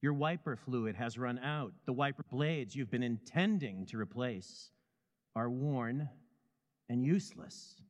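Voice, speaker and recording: A man telling a story in second person with a measured, vivid delivery. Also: mid-range voice, lively intonation, big-room sound. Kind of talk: scripted second-person narration.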